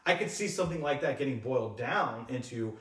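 A man co-hosting a podcast, thinking out loud in a rambling, casual way. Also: mid-range voice, expressive, fairly quick, recorded from a distance. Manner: rambling, thinks aloud with fillers. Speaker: podcast co-host. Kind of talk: casual board game podcast chat. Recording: roomy sound, a bit off mic.

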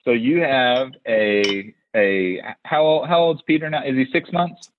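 A man's voice: mid-range voice, lively intonation, unhurried, a little hiss or hum. A man hosting a podcast, telling stories in a casual chat and animatedly acting out the voices of the people he quotes, with frequent restarts. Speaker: podcast host. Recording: tinny phone-like, dry sound.

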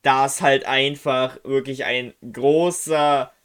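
A young man chatting loosely and excitably with a friend, dropping slang. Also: mid-range voice, takes it slowly, clean tone. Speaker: co-host. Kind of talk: casual chat.

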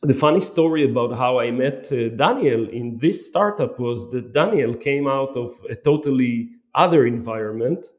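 A man, a company marketing chief, telling his story as an interview guest, often halting and restarting phrases. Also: mid-range voice, lively intonation.

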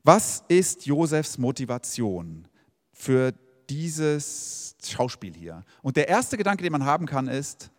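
A man's voice: medium pitch, big pitch swings, slow pace, in a large hall. A man preaching a sermon in a conversational way, posing rhetorical questions to the congregation. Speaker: pastor. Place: church service hall.

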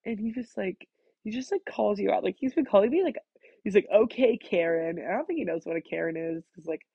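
A teenage girl with a nasal voice, rambling fast through a casual solo vlog, full of "like". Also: mid-range voice, expressive, gravelly, breathy edge, no echo, dull audio. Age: teens. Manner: fast-talking, scattered, full of "like". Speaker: student vlogger.

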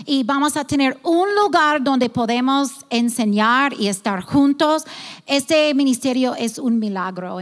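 A woman leading a children's ministry speaks with heartfelt passion, often stopping to search for the right word and restarting her sentences. Her voice sits high, and it rings out with a long reverb, as if recorded in a big hall. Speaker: ministry leader of a children's home. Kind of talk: earnest testimony about a church ministry.

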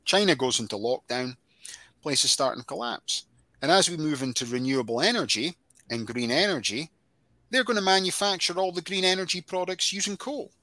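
A man co-hosting a casual chat, making his points emphatically as he builds them up in quick lists. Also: fairly high pitch, expressive, sharp tone, dry recording. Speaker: podcast co-host.

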